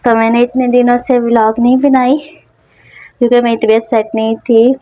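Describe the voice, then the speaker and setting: A woman's voice: a little high, little pitch movement, normal speed, no echo, poor audio. Breathless Pakistani woman vlogging. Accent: Pakistani Urdu. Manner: soft, rambling, many fillers. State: short of breath from a sore throat. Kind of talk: casual personal vlog.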